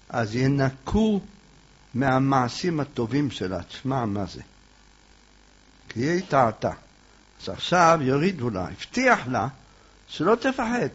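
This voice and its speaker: Guy teaching a torah lesson, high voice, storytelling, keeps asking the room stuff, dull lo-fi sound. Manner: animated storyteller who asks questions and addresses listeners directly. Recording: dull lo-fi recording.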